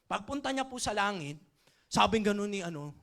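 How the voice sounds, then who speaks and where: A man leading a seminar for an audience, telling a comic story in a playful, animated way and drawing the crowd in. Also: sits high, a little fast, vocal fry. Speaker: motivational trainer. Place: training event before an audience.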